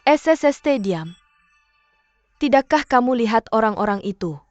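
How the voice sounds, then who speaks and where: Woman acting an alert, high-voiced female sidekick. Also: lively intonation, normal speed, darkish tone, no echo, close to an everyday voice. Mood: alert, curious. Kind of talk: dubbed serial drama dialogue. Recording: dull lo-fi audio, music behind.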